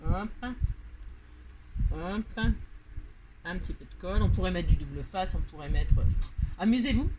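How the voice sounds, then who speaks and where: A woman's voice: lowish voice, animated, normal speed, long pauses, lo-fi sound, background noise. A woman with a French accent hosting a casual crafting tutorial, chatty and self-mocking, full of fillers and repeated words.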